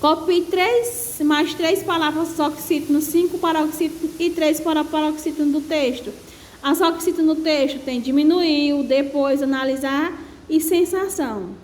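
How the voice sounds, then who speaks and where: A Brazilian Portuguese-speaking woman teaching a lesson, explaining slowly with many fillers and restarts. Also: high-pitched, a little mellow. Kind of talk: lesson on a reading exercise. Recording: echoey room with faint ambient noise.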